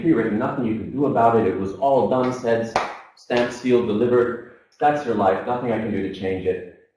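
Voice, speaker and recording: A man in his thirties with a lowish, darkish voice gives a motivational talk in a seminar hall, telling stories from his life and acting out others' voices. The recording has its highs cut off and sounds distant and echoey.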